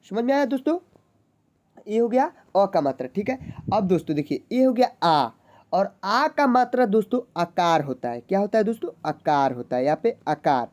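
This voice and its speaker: A woman teaching basic reading, who quizzes her listeners and repeats each point slowly and patiently. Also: medium pitch, warm tone. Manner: slow, drawn-out letter sounds. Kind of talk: basic literacy lesson.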